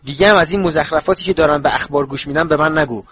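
A man's voice: fairly high pitch, crowd noise, close to an everyday voice. Stout bullying uncle, voice quivering with rage, a male reader puts him on. Storybook reading, dull lo-fi audio. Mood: angry. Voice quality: voice shaking with anger. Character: furious bullying middle-aged uncle, stout, red-faced.

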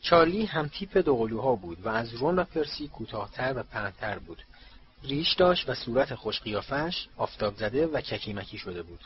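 A man narrating a novel as an audiobook, in measured storytelling that voices each character. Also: mid-range voice, big pitch swings. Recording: slightly dull recording, faint hiss.

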